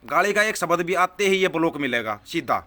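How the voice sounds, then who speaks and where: A man's voice: fairly high pitch, animated, brisk, sharp tone. A man, ranting angrily and scornfully to his viewers, hammering his points home by repeating them. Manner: scornful, heated, repeats phrases for emphasis. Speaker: political vlogger answering viewer comments. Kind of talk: angry live political rant.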